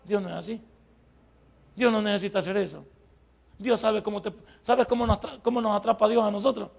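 Raspy, gravelly preacher in a hall. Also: male voice, high voice, steady tone, brisk. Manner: folksy, emphatic preaching with sudden loud outbursts. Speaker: pastor. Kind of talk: sermon. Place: church. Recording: long hall reverb.

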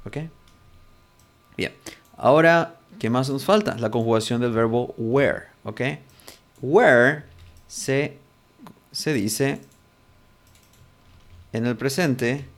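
A man teaching a language lesson, patiently working through examples and checking in often with his students. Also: medium pitch. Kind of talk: explaining a lesson.

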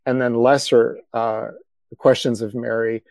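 Gravelly man speaking on a panel. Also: medium pitch, little pitch movement, measured pace, darkish tone, no room sound. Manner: hesitant, many fillers. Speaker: panel guest author. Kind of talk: panel discussion.

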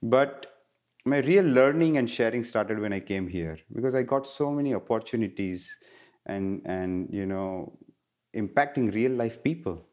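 A man's voice: on the low side, lively intonation, a little slow, a little mellow. A middle-aged man from India in a casual interview, explaining things earnestly and animatedly, often restarting his phrases. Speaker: guest, wellness educator.

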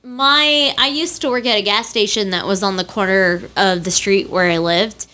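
Bright-voiced woman podcast host. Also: medium pitch, moderate pace. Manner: animated, laughing, playfully argumentative. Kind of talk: casual chat.

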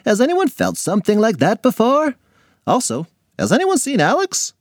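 A cheerful science teacher, as a male storyteller puts him on, explains things with a chatty, playful flair. The voice sits raised and swings widely in pitch. It is recorded close and dry. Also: huge pitch swings, moderate pace, no echo. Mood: enthusiastic.

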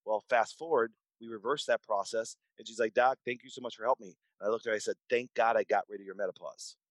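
This podcast guest is a doctor in his forties whose fairly low, steady voice rushes along as he tells interview stories in a conversational way. He is emphatic, repeats himself and frequently starts sentences over. The recording is low quality, though free of echo.

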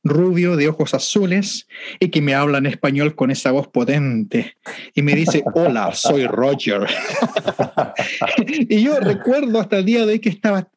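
A man's voice: fairly high pitch, a little slow, no echo. A man hosting a podcast interview, friendly and chatty, telling stories with easy laughs. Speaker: podcast host. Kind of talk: casual conversational interview.

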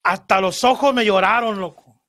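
A man's voice: high-pitched, normal speed. A man with a Mexican Spanish accent hosting a casual podcast chat, telling stories in slangy, swearing speech. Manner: slangy, swearing, animated storytelling. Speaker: podcast host.

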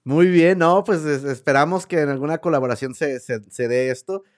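A male host leads a casual interview. His voice is a touch high for a man, and he asks friendly questions with frequent stumbling restarts. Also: moderate pace.

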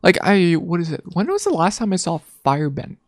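In a brisk, sing-song voice of medium pitch and darkish tone, a livestream host has a casual chat with a guest. The manner is informal and encouraging, peppered with "man."

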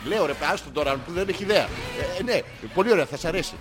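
A Greek man co-hosting a podcast, trading jokes and laughter in loose, profane banter. His voice sits high and swings widely in pitch. Clear music plays underneath the chat. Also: animated. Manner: joking, laughing, swearing often. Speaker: podcast co-host. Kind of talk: casual banter. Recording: music playing behind.

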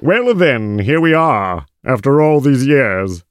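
A man's voice: mid-range voice, big pitch swings, slow pace, clear, resonant tone, dry recording, faint music behind. A man playing a dry, secretive schemer in a comic audio drama, formal, terse and disapproving. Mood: wry, ominous.

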